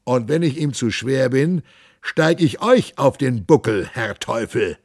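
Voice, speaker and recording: A coarse robber captain growls and mocks in a storybook reading, as a man voices him. His husky voice rises and falls broadly. The sound is dry and close. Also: medium pitch, animated, measured pace, dry recording. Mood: sneering. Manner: gruff, sneering. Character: gruff, mocking male robber captain.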